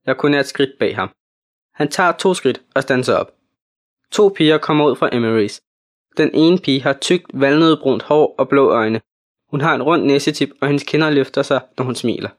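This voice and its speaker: A man from Copenhagen, a student, reading his own first-person story aloud in a steady telling voice. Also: medium pitch. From Copenhagen, Denmark. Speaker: student narrator.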